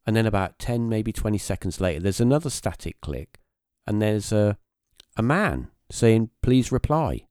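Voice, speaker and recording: A man's voice: fairly low pitch, animated, normal speed, a little mellow, clear, resonant tone, dry recording, clean studio sound. A man, hosting a podcast and recounting a story casually, rambling with many fillers and restarts. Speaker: podcast host.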